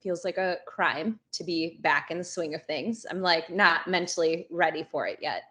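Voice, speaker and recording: A woman's voice: fairly low pitch, normal speed, fairly bright tone. Chatty, easygoing woman podcast guest. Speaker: guest, business co-owner. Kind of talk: casual podcast chat.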